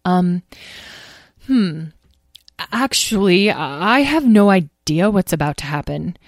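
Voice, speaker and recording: A woman reading a storybook, voicing an earnest young boy who rushes to reassure everyone. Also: on the low side, lively intonation, no echo, studio quality. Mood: sheepish. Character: eager young boy, unicorn-loving.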